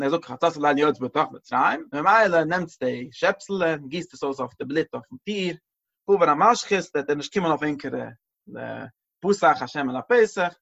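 A man teaching a religious lesson, halting and repeating phrases and mixing in English words. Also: on the high side, vocal fry, a bit bright. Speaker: Torah teacher. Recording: dull lo-fi recording.

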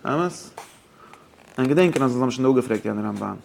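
Ein Mann hält einen lebhaften Lehrvortrag über religiöses Recht, mischt Deutsch, Englisch und Jiddisch und stellt seinen Zuhörern Fragen. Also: male voice, mid-range voice, expressive, fast talker, gravelly, slight background noise. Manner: mixes German, English and Yiddish with rabbinic terms; poses questions to listeners. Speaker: teacher of religious law. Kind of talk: lively study-hall lecture.

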